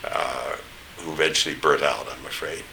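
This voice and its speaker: An older American man with a standard accent and a low, very bright, forceful voice. He reminisces in loose anecdotes, pausing to search for names. There is a faint hiss behind him. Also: steady tone, creaky. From East Tennessee, United States. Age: older, 70s or above. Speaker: interviewee recounting memories. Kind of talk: oral history reminiscence.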